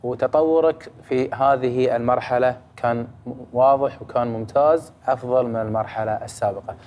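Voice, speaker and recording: A man's voice: medium pitch, steady tone, a little mellow, highs cut off. A man hosting a recitation competition show, thanking guests and addressing viewers. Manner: brisk, courteous, addresses viewers directly. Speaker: show host.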